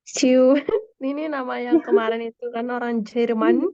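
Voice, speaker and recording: A woman's voice: on the high side, steady tone, unhurried, dry recording, muffled recording. A woman taking part in an online class as a student, hesitantly repeating words after her tutor. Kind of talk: casual class participation.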